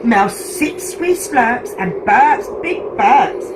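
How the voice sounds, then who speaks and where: A woman's voice: fairly high pitch, expressive, extremely slow. A woman reading a children's picture book aloud as a storytime host, playful and sing-song. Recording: echoey room, loud traffic noise.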